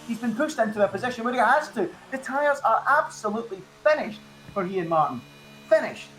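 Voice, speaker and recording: A man's voice: very high-pitched, lively intonation, quick pace, a bit bright, a little hiss or hum. Chatty male race analyst. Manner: chatty analytical, rhetorical questions. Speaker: co-commentator. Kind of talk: live esports race analysis.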